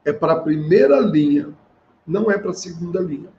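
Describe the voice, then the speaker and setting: A middle-aged man with a notably high voice speaks as a family therapist at a seminar. He talks earnestly and slips into the voices of the people in his stories. The recording sounds a little dull, with a faint hiss underneath. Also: expressive, brisk, a little mellow. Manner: earnest, acts out quoted dialogue. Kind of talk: storytelling seminar talk.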